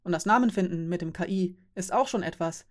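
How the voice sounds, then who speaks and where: A woman voicing a patient, weary fairy who explains things in a calm, measured way. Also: on the low side, lightly acted. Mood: resigned.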